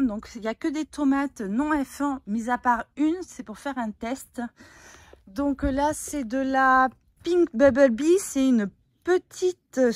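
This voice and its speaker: A woman's voice: high-pitched, dry recording. A woman giving a chatty, explanatory walkthrough of her vegetable garden outdoors, with frequent fillers. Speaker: gardening vlogger.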